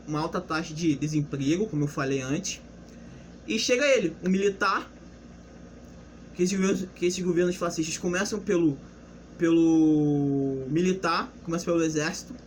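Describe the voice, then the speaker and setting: There's a little hiss or hum under this young history presenter's slightly high voice. He keeps his lesson casual and unscripted, explaining loosely with restarts and rhetorical questions.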